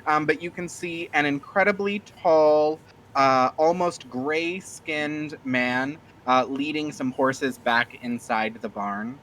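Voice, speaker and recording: Bright-voiced man narrating a tabletop game. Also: fairly high pitch, slow pace, slight background noise, rough recording. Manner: rambling with many fillers. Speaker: game master. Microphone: streaming mic.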